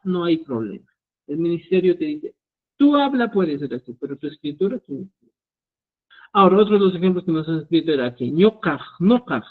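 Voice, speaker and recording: Man teaching over tinny call audio. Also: on the high side. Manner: instructive, keeps checking in with "¿ya?". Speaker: Quechua writing teacher. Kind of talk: online class lecture.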